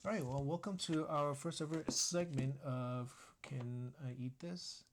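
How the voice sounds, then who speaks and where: Man, casual talk show host, relaxed, rambling, filler-heavy, guitar music underneath. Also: medium pitch, a little slow. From Singapore. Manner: relaxed and chatty, many uhs.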